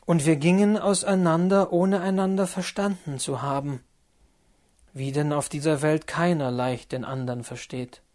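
A man's voice: fairly high pitch, normal speed. Man reading a novel expressively. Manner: expressive, emotional first-person reading. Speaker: audiobook reader. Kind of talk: scripted literary narration.

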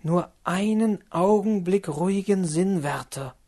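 A man voicing an earnest young woman in an audiobook, pleading and rising to a high, urgent pitch. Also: a little slow, dark tone. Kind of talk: audiobook character reading.

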